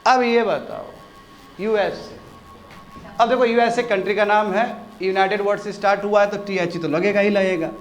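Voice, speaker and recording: High-voiced man teaching a class. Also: normal speed, reverberant, soft background music. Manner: questioning, drills students repeatedly. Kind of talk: classroom grammar lesson. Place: classroom with students.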